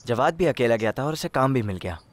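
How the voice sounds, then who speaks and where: A man's voice: medium pitch, animated, fast talker, close to an everyday voice. An actor dubbing an earnest, determined young man set on leaving home. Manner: earnest, resolute. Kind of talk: Urdu film dubbing.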